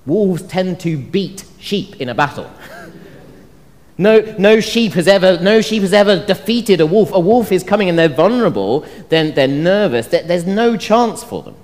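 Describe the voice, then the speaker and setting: A man preaching a sermon, telling the story with energy and acting out the voices he quotes. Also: on the high side. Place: church hall. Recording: long reverb of a church hall.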